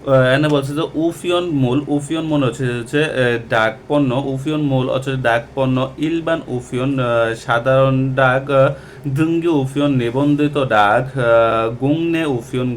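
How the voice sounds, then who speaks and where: A man teaching Korean vocabulary from a textbook, talking slowly and repeating each word with many hesitations. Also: medium pitch, a little hiss or hum. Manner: slow and repetitive, with many hesitations. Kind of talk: textbook lesson explaining vocabulary.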